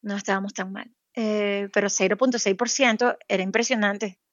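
Speaking with medium pitch and fairly even intonation, a Venezuelan doctor, a pediatric cardiologist, tells of her experiences as an interview guest. She is thoughtful, with many fillers and restarts, and slows to emphasize points, on a dry, muffled recording.

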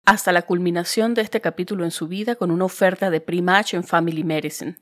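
A woman's voice: fairly low pitch, fairly even intonation, fast talker. Friendly chatty woman hosting a podcast. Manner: friendly, chatty, lightly joking. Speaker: podcast host. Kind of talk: conversational interview.

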